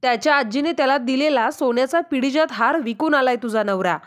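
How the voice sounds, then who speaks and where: A woman voicing a furious middle-aged father who harshly accuses his son-in-law, in a lower voice than her narration. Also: a little fast, lightly acted. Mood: angry.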